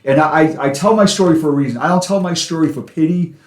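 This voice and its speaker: A man's voice: a little high, quick pace. Emphatic Boston man, roomy echo. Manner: emphatic, repeats words for stress. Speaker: guest speaker on officer suicide. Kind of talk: casual interview talk.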